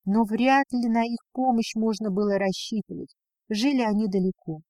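A woman reading a first-person audiobook in a quiet, subdued way. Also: a little high, fairly even intonation, normal speed, no room sound. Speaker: audiobook narrator.

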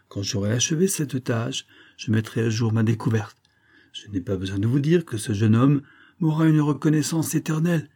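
A man reading the part of a scheming, smooth-talking middle-aged army major, pompous and theatrical, mock-affectionate toward his wife. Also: medium pitch, warm tone.

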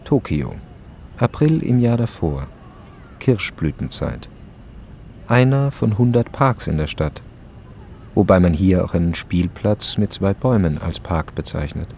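A man narrating a radio play in a calm, measured storytelling voice. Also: deep voice, gravelly, a little hiss or hum. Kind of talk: scripted narration.

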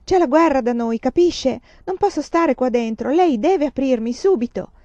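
A woman reading a storybook voices a desperate young foreign student who pleads and shouts to be let out. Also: on the high side, unhurried, no echo, lo-fi sound. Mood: frantic.

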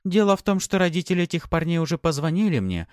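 A man's voice: a little high, sing-song, quick pace, a little mellow, clean tone, no room sound, pitched above the performer's own voice. An imperious noblewoman who commands and teases in the same breath, her lifted tone swinging freely up and down, as a male narrator puts her on. She sounds mock-sweet and sure of her power, in a dry, close audiobook recording. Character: haughty noblewoman, imperious and teasing. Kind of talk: audiobook character voice.

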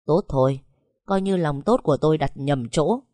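A cold young husband who barks curt threats at his wife, voiced by a woman. The voice is low and dark, and it comes across dry and close. This is a storybook reading. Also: normal speed, no room sound, close to an everyday voice. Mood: bitter.

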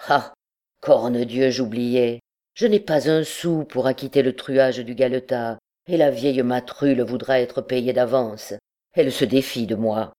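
A cocky young captain from a storybook, flippant and quick to anger, talking with careless swagger, as a woman acts him out. His lines come bold and teasing. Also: rumbling low, steady tone, dark tone. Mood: flustered. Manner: brash, flippant, boastful. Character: swaggering, hot-tempered young male army captain.

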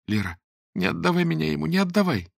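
A man reading aloud plays a frightened young woman. Her voice goes up high yet stays quiet and anxious. The sound is bright and dry. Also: animated, quick pace, slightly rough, no echo. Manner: high, hushed, anxious speech.

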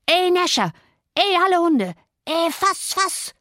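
A woman's voice: on the high side, lively intonation, moderate pace, slightly rough, no room sound, clean studio sound, heavily acted. A woman voicing a crotchety old male farm servant who shrieks in alarm and urges dogs on. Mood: alarmed shouting.

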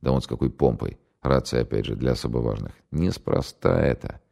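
A man's voice: rumbling low, expressive, brisk, creaky, warm tone, voice pushed down, heavily acted. A man voicing a shrewd, ironic senior security officer who barks clipped orders. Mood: dry ironic.

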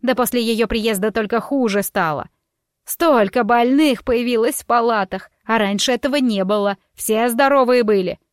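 A woman's voice: a little high, normal speed, clean tone, no echo, studio quality, lightly acted. A woman voicing a spiteful, scandal-making townswoman who shrieks her accusations. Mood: shrieking. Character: shrill spiteful middle-aged woman, a scandalmonger.

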